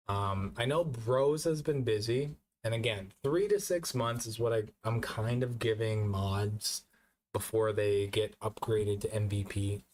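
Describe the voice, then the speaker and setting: A man's voice: mid-range voice, a little hiss or hum. A drunk man streaming live, rambling and repeating himself as he chats casually with his viewers.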